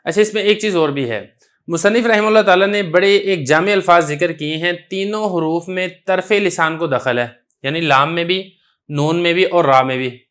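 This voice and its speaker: A man's voice: sits high, a bit bright. A man teaching a religious lesson on pronouncing letters, explaining step by step in a patient way and asking questions that he then answers himself. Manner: sustains a drawn-out letter sound when demonstrating pronunciation. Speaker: Quran recitation teacher.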